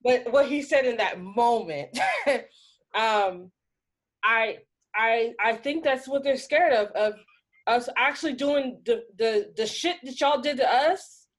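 A woman's voice: a little high, slow. A woman co-hosting a podcast in casual chat. She talks in a heated, emphatic way with frequent restarts. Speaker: podcast co-host.

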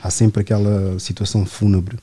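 A man, hosting a podcast in relaxed, chatty conversation and asking questions. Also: on the low side, moderate pace. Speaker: podcast host. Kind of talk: casual podcast chat.

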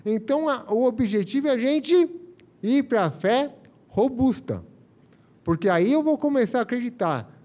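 A man's voice: very high-pitched, big pitch swings, measured pace, a little mellow. A man giving a live spiritist lecture, reflective and explaining through first-person examples. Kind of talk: live religious talk.

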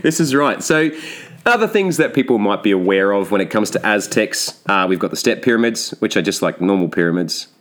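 Aussie guy hosting a history podcast, deep voice, cracks jokes and trips over his words. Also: expressive, fairly quick, fairly bright tone. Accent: Australian. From Australia. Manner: jokey, rambling, self-correcting. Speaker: podcast host. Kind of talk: casual history podcast chat.

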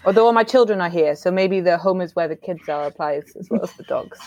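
A woman's voice: fairly low pitch, fast talker, a little mellow, dull audio, slight background noise. A woman from England with an English accent, chatting casually as a podcast guest. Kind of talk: casual conversation.

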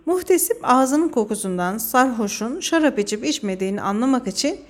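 A woman presenting a religious lesson on a classic poem, explaining in a measured, earnest way from a script. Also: fairly high pitch, animated.

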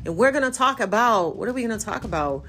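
A Brazilian woman in her forties, a native Portuguese speaker, hosting a casual solo podcast in a chatty, animated way that often corrects itself. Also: on the high side, fast talker, a little hiss or hum. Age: 40s. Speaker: podcast host.

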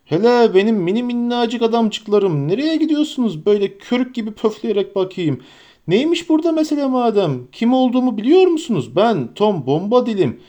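A man's voice: very high voice, big pitch swings, a little fast, warm tone, voice pushed up. A man voicing a jolly, boisterous old forest man in an audiobook, exuberant and sing-song with a commanding bounce. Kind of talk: audiobook character voice.

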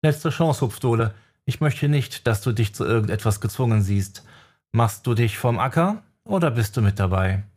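A man voicing a sharp-tongued young woman necromancer in an audiobook, brisk and teasing. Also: mid-range voice, animated, close to an everyday voice. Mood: impatient. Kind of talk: audiobook character voice.

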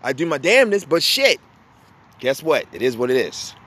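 A man's voice: medium pitch, very animated, normal speed, fairly bright tone, slight background noise. A man hosting a podcast, delivering a fiery, blunt and profane monologue, hammering his points home by repeating them. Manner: emphatic, repeats points for force. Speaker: podcast host. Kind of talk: impassioned monologue.

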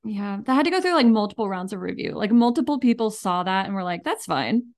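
A woman's voice: medium pitch, lively intonation, fast talker. A woman co-hosting a podcast in informal, chatty talk peppered with "like". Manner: informal, uses "like" often. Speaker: podcast co-host. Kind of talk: casual chat.

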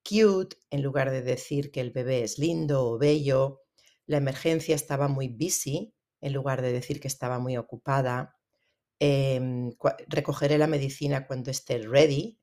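A medical Spanish teacher explaining hospital vocabulary in a lively way, switching between Spanish and English and asking the listener questions. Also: mid-range voice. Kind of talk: educational explainer. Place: works in a hospital.

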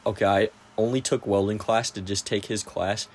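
A man's voice: fairly low pitch, fairly even intonation, moderate pace, a little mellow. A teenage boy chatting casually, joking crudely, laughing often and mimicking his teachers. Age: teens. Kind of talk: casual chat.

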